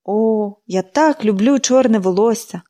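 A woman reader voicing a cheerful, chatty young girl who speaks brightly and eagerly. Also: on the high side, unhurried, natural voice.

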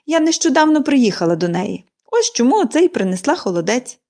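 A woman's voice: high voice, very animated, fairly quick, darkish tone. Woman reading as an eager chatty young girl. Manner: eager, gushing. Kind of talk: audiobook character reading.

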